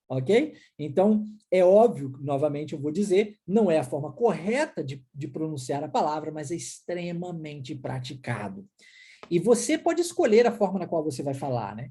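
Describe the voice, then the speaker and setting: A man's voice: sits high, husky. A man from Brazil with a Brazilian Portuguese accent, teaching English in an encouraging way and checking in often with his students. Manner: lively, encouraging, explains slowly with many check-ins. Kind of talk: recorded language lesson.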